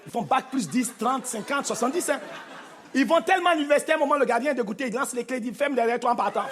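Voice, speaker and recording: A man with a very high voice performs stand-up on a theater stage, animated and playful. He jokes with the crowd and drops into mock accents. It is a live recording, with audience laughter and a steady background noise under his voice. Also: quick pace. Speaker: stand-up comedian. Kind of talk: stand-up comedy routine.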